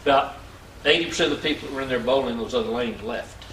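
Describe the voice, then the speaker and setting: Speaking fast in a mid-range voice, this man in his 60s shares folksy personal stories with an audience as inspiration, full of repetition and acted-out conversations. The sound is roomy and distant-miked, with faint noise behind him.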